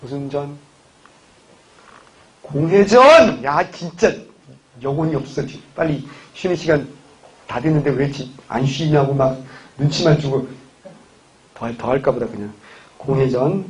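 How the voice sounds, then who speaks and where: A man's voice: mid-range voice, steady tone, moderate pace, darkish tone, poor audio. A man lecturing on history in a classroom, chatty, with joking asides to his students. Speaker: civil service exam history lecturer.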